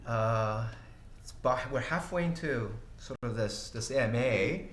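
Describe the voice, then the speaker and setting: Speaking from a small glass-walled office studio with a roomy feel, a middle-aged company CEO from Brazil, Portuguese being his first language, hosts a casual livestream Q&A as an AMA. His mid-range voice is expressive and a bit bright, halting with lots of fillers and restarts, and he's quick to laugh. Slight background noise is present.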